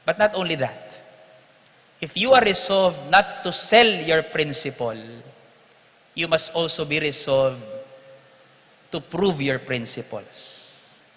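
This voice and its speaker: High bright-voiced priest preaching. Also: male voice, slow, pauses often. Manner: animated storytelling, mixing in English lines. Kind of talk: sermon at live Mass. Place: large church. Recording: echoey church hall.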